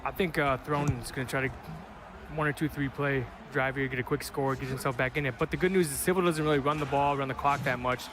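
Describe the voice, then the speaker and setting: A man's voice: medium pitch, fairly even intonation, fast, noisy background. A man with a Wisconsin accent giving casual, slangy live commentary on a football video game, bantering with co-commentators. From Wisconsin, United States. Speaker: esports commentator.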